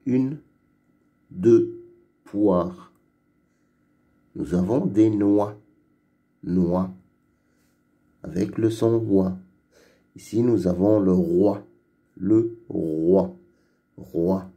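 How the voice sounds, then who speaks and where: A man teaching children to read, repeating each word slowly and clearly in a patient phonics lesson. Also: on the low side, warm tone. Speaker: reading teacher. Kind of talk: slow, deliberate phonics lesson for young children.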